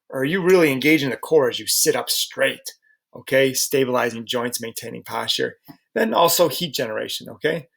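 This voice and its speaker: A man's voice: medium pitch, creaky, fairly bright tone. A middle-aged man teaching a recorded slide lecture, casual and chatty, often checking in with rhetorical questions.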